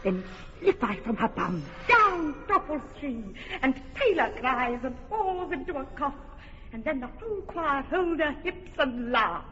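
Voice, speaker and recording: Puck, a mischievous sprite with a high, bouncing voice that leaps about as she brags of her pranks. The old radio sound is dull and lo-fi, with a long reverb and a hum of ambience behind her. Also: a little slow, full character voice. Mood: teasing. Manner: lively, teasing storytelling. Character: mischievous sprite, playful trickster fairy. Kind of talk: radio drama acting.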